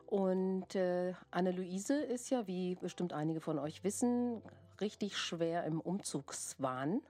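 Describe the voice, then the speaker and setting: A woman's voice: fairly low pitch, slow pace, dark tone. A woman with a congested, snotty voice from a lingering cold, chatting casually as a podcast host.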